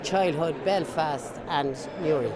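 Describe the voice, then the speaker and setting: A woman's voice: low voice, slow pace. An older woman with a southern-sounding Irish Traveller accent gives personal testimony in a colloquial, plain-spoken way. Busy crowd chatter sits behind her voice. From Northern Ireland. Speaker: Traveller community member. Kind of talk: personal testimony in a news interview.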